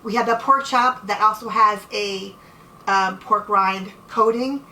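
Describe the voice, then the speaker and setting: A woman's voice: medium pitch, unhurried, pushed and bright, a little hiss or hum. A woman hosting a cooking show, chatting casually and playfully while she cooks. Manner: chatty, friendly, playful with her partner. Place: home kitchen. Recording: echoey room, mic at a distance.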